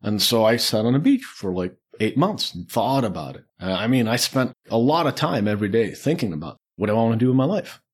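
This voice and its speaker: This podcast guest is a man in his forties from Lebanon, the Czech Republic and the UAE, with a medium-pitched, sing-song voice that has a breathy edge. He talks briskly with few pauses, casually telling personal stories and acting out thoughts he remembers.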